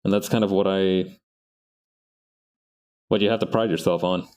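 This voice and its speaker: His voice sits low, clean and darkish, holding a steady tone at a moderate pace. The man is an artist streaming himself drawing, casually rambling to himself and often restarting or correcting what he says.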